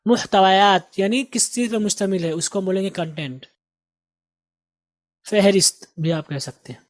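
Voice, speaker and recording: A man teaching English as a host of an online lesson, with an Indian Urdu accent, drilling vocabulary by repeating each word slowly. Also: high-pitched, dry recording. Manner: drills words with slow repeated pronunciation. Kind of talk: recorded lesson.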